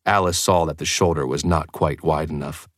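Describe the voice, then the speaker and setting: Deep-voiced man narrating an audiobook. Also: steady tone, moderate pace, fairly bright tone, no echo, clean studio sound. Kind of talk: scripted first-person narration.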